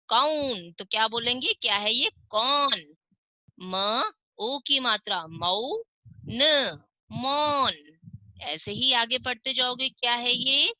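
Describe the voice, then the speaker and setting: In an online class, a primary school teacher with a Hindi accent reads words to young children slowly, drawing them out syllable by syllable, and answers the questions she poses herself. Her voice is on the high side, pushed and bright, and the recording is dry and rough.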